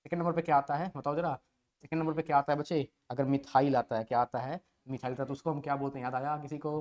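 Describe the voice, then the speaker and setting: A man's voice: mid-range voice, fairly even intonation, fast talker, a little mellow. Man teaching chemistry, call-and-response. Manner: asks students questions and answers them himself; playful, coaxing call-and-response. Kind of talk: online class lecture.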